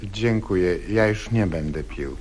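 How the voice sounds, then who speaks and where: A man's voice: low-pitched, unhurried, darkish tone. An actor playing a sickly man at a party who keeps apologetically refusing drinks in an archival radio sketch. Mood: pleading. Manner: pleading, apologetic.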